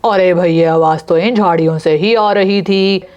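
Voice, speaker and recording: A woman's voice: fairly low pitch, steady tone, measured pace, darkish tone, lo-fi sound, natural voice. A brave young father in a doll storybook, voiced by a woman in her ordinary voice. He talks steadily and reassuringly, giving firm, commanding orders. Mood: steady. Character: calm brave young father on a camping trip.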